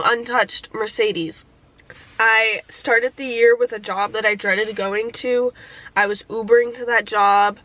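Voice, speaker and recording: A young woman talks straight to camera in a casual year-in-review vlog, bright and clear-toned, her voice sitting a little high. She is candid and chatty, swearing freely, and reflective enough to turn teary. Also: rough recording. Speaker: vlogger.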